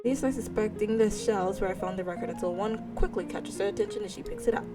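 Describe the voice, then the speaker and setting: Over music, a woman with a medium-pitched voice reads a visual novel aloud fast for her let's play gaming video. She narrates expressively and slips in casual asides along the way.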